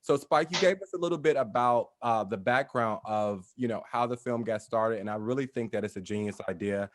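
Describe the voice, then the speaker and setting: A man's voice: medium pitch, brisk, dry recording, studio quality. A man hosting a live talk show, introducing guests in a loose, upbeat way with casual slang. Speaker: host.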